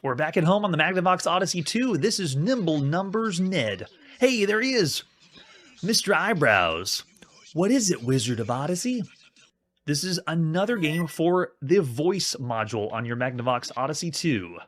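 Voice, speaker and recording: A man's voice: on the high side, big pitch swings, normal speed. Enthusiastic man hosting a retro gaming stream. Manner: enthusiastic, chatty, frequent laughs. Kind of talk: casual live-stream game commentary.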